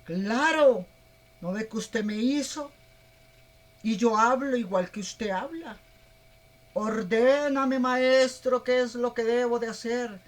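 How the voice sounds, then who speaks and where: A woman preacher voicing a talking carved idol, loud, high and eager to serve. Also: slow pace.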